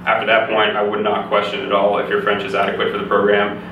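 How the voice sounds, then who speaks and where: Heard from a distance in a very echoey space with noticeable background noise, this young adult from Canada speaks fast and evenly. He's a physiotherapy student appearing as a guest, giving relaxed interview answers in his first language, English. His tone stays low and flat throughout.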